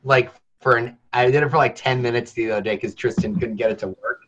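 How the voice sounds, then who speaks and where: A man co-hosting a casual webinar, playful and quick with wisecracks. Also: medium pitch, steady tone, highs cut off, noisy background. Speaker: webinar co-host.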